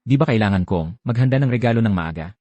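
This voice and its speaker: A teasing young husband in a dubbed drama, his speech rising and falling in a lively way. The tone is dark and a little husky, with soft music underneath. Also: lowish voice, quick pace, no room sound. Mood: coaxing. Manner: playful, coaxing, lively. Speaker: dubbing actor.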